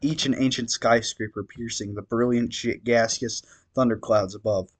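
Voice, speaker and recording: Fan fiction is read aloud by a man with a medium-pitched, steady voice at a moderate speed. His reading is even, broken now and then by stumbles and wry little asides.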